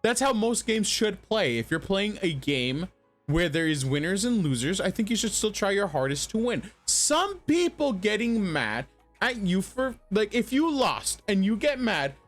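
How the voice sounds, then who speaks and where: Male streamer, lively swoops, slightly high register, foul-mouthed blunt rants, loose off-the-cuff delivery. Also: a little slow, soft background music. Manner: profane, blunt, ranting; rambling, stammering repetition. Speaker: streamer reacting to a video. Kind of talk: casual livestream commentary.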